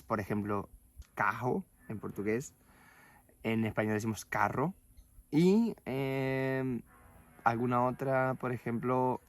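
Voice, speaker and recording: A man teaching a Spanish lesson, patiently explaining and saying example words slowly and carefully. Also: mid-range voice.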